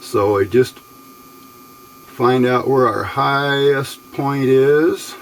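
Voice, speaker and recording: Speaking very slowly in a mid-range voice, a hobbyist presenter walks through electronics test equipment. His demonstration is casual, unscripted and hands-on, explained step by step in plain, folksy terms, with a little hiss or hum in the background.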